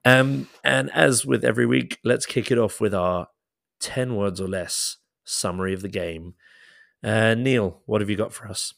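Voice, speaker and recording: A man's voice: on the low side, a little slow, gravelly, a bit bright, dry recording, studio quality. A man hosting a casual football podcast, jokey and bantering with his co-hosts. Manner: jokey, banters and laughs often. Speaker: podcast host.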